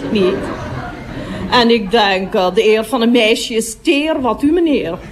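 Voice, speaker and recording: A woman's voice: fairly high pitch, a little slow, background noise, close to an everyday voice. An actress playing a gossipy middle-aged woman toilet attendant in a radio comedy monologue, chattering on and breaking off to speak to customers.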